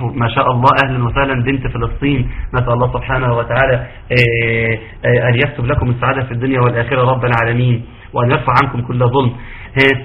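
Fast-talking Egyptian man teaching tajweed. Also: medium pitch, phone-quality sound. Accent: Egyptian Arabic. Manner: interactive, quizzing students, praising answers. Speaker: Quran recitation teacher. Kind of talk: online tajweed lesson.

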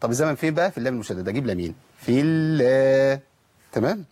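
Egyptian man, husky-voiced and brisk, teaching tajweed, demonstrates each sound carefully. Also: mid-range voice, big pitch swings, a little mellow. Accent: Egyptian Arabic. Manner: patient, corrects and models pronunciation step by step. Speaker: Quran recitation teacher. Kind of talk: televised tajweed lesson.

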